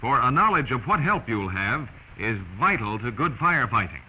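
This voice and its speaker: Over a muffled, noisy 1940s film soundtrack, an American narrator addresses the viewer directly in an emphatic, teaching tone. He speaks at normal speed with medium pitch and big pitch swings.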